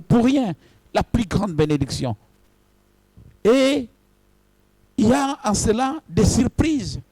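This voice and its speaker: A man's voice: sits high, a little mellow, dry recording. A man, a pastor, preaching a sermon in short phrases and addressing his congregation directly.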